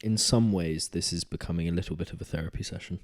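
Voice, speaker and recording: A man's voice: deep voice, fast talker. A young man co-hosting a podcast, chatting in an easygoing, teasing way and laughing readily. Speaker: podcast co-host. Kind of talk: casual chat.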